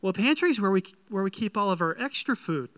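A male actor portrays a flustered present-day homeowner in a sermon sketch, explaining with eager pride. The voice is high, crisp, animated and slightly bright, halting as he goes, recorded dry without echo.

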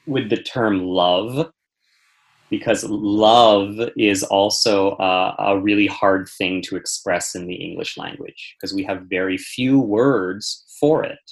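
A man who teaches meditation, patiently explaining ideas in a relaxed interview. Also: on the low side, takes it slowly, low-quality recording. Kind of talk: conversational interview answers.

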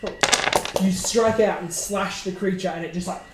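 A man's voice: high voice, steady tone, unhurried. A man as game master, narrating scenes and calling rules in a casual tabletop game. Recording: echoey room, noisy background with clicks.

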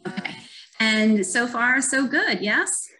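A woman's voice: fairly high pitch, expressive, takes it slowly, sharp tone. A woman hosting a podcast, upbeat and welcoming as she introduces her guest. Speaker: podcast host and personal trainer. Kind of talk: podcast interview.

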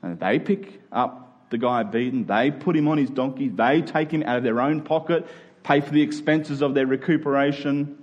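On dull audio, a man at medium pitch and normal speed preaches in a conversational, expository style. As pastor, he frequently throws out rhetorical questions and checks on his listeners with "right?" and "okay?".

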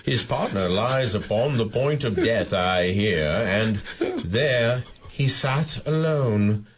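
A man's voice: on the low side, slow, a little hiss or hum. A man playing a cheerful, affectionate husband and father in a radio drama. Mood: jovial. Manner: jovial, affectionate, animated. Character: cheerful middle-aged family man, Belle's husband.

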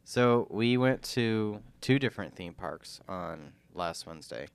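A man's voice: lowish voice, animated, a little slow, creaky, clean tone, no room sound. A man in his twenties hosting a casual podcast, sick with a sinus infection, his nose stuffy and congested. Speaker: podcast host.

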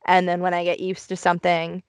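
A woman's voice: lowish voice, monotone, a little fast, clear, resonant tone, no echo. A young woman hosting a podcast from inside a clothes closet, speaking candidly and introspectively and filling her talk with "like.". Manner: candid and introspective, heavy use of "like". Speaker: podcast host. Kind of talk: casual confessional chat.

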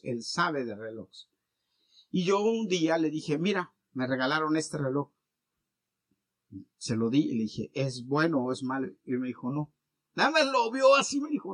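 A man preaching a sermon as pastor, animated, with wide swings between loud and quiet. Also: a little high, dry recording.

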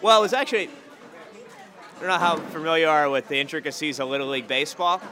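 Over the crowd chatter of a packed, noisy diner, a late-twenties comedian from Massachusetts makes breakfast small talk peppered with dry jokes. He talks a little high and a little fast, his voice pushed and bright.

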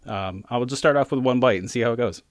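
A man's voice: mid-range voice, fast, no room sound, studio quality. A man co-hosting a casual food-tasting show, chatting about the taste and sharing trivia between bites. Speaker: co-host.

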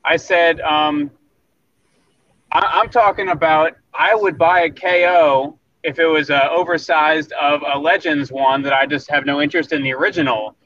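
A man's voice: on the high side, fairly even intonation, moderate pace, a bit bright, no room sound. A man calling in over a phone line with a bad, breaking-up connection, chatting casually and correcting himself as he goes. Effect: choppy phone call with a bad connection. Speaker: podcast co-host calling in. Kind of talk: casual chat. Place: in a car leaving his store. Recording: muffled phone-line sound.

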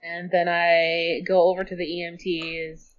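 A woman's voice: lowish voice, little pitch movement, measured pace. A woman playing a tabletop role-playing game, talking casually and a bit hesitantly. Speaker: player. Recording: dull lo-fi sound.

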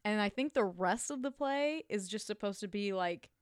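A woman's voice: mid-range voice, lively intonation, moderate pace, clean tone, dry recording, studio quality. A woman from the US Midwest chatting casually as a co-host, with valley girl phrasing full of "like". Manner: valley girl talk, frequent "like". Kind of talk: casual chat about film and TV.

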